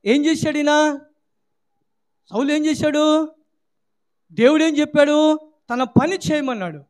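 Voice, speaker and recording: A man pastor preaching a sermon, firing rhetorical questions and crying out hallelujah, rising to shouts and dropping low. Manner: swings between loud shouting and low quiet stretches.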